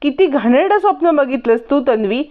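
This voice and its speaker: A woman's voice: sits high, expressive, normal speed, pitched above the performer's own voice. A woman voicing a worried middle-aged father who coaxes his daughter to speak. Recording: dull lo-fi recording.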